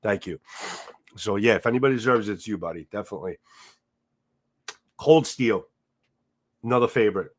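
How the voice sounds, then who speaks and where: His fairly low voice moves a little fast, with frequent pauses, as this New York Italian-American livestream host sits in a chair at home. He rambles through viewer comments in a casual live chat, repeating words and tossing in casual swearing.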